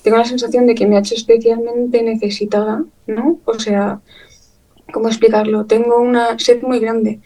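A woman from Chile, a guest in an interview, telling her story in an emotional, animated way, full of fillers and quick laughs. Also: fairly high pitch, distant mic, low-quality recording. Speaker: guest, illustrator. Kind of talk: conversational interview.

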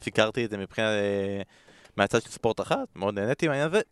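A man's voice: on the low side, animated, clean tone, dry recording. A man with an Israeli accent hosting a podcast, chatting casually with questions and teasing banter. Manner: joking, teasing. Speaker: podcast host.

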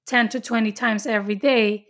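A woman's voice: a little high, fairly even intonation, moderate pace, fairly bright tone. Earnest woman explaining spiritual ideas. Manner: earnest, explaining at length with many restarts. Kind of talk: casual spiritual chat.

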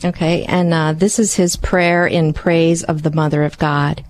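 A woman's voice: low voice, flat delivery, measured pace, a little mellow, a little hiss or hum. A woman who is a guest in a radio studio, speaking carefully and with some fillers. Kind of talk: radio interview and read prayer.

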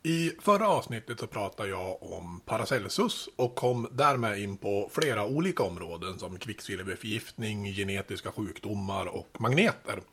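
Male podcast host, low husky voice, casual storytelling narration. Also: few pauses. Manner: relaxed, chatty explaining with asides.

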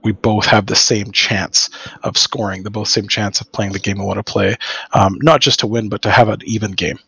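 A man explaining his view casually as a podcast guest, earnest and filling pauses with "um" and "uh". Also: fairly low pitch, steady tone, gravelly, fairly bright tone, husky, muffled recording. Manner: earnest, explanatory, with frequent fillers. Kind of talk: casual chat.

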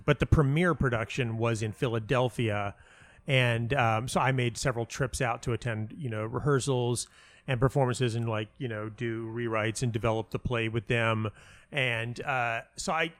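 At a moderate pace, a man with a mid-range voice and fairly even intonation talks over a dry recording. He's a playwright and audio dramatist giving casual interview answers, wandering through stories and often stopping himself partway.

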